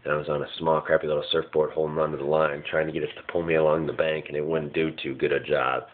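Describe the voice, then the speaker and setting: A man's voice: a bass voice, flat delivery, fast. A man casually recounting his dreams in a hazy, puzzled way, vague and often searching for words. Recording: muffled phone-like lo-fi sound.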